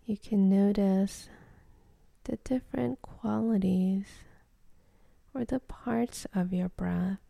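Speaking at a medium pitch on a dry recording, a woman leads a guided meditation. Her half-whispered delivery is breathy, soft and gentle, with long, calm pauses separating each phrase.

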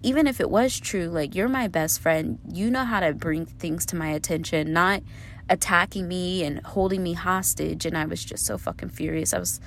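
A woman's voice: lowish voice, normal speed, a little hiss or hum. A woman in her thirties telling her life story casually to camera, candid and swearing freely as she talks straight to viewers. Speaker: vlogger.

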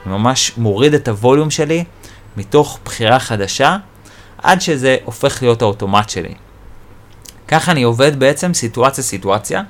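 A man hosting a podcast, explaining personal growth in an animated monologue, acting out inner thoughts and repeating key phrases. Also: mid-range voice. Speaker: podcast host and personal development teacher.

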